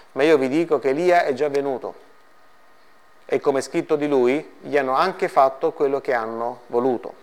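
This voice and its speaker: A man preaching a sermon to a congregation, reading Bible passages and putting rhetorical questions to his listeners before answering them. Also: on the high side. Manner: addresses the congregation directly, lightly joking.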